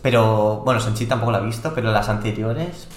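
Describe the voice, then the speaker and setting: A man's voice: lowish voice, fairly quick, reverberant, a little hiss or hum. A man with a Spanish accent co-hosting a podcast, chatting casually in an exclamatory, rambling way and often restarting his phrases. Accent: Spain Spanish. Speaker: podcast co-host. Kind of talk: casual chat.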